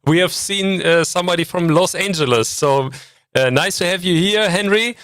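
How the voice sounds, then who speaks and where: A man from Germany co-hosting a live online panel, introducing himself in a friendly, halting way with many fillers. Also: sits high, a bit bright, dry recording, studio quality. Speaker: co-host.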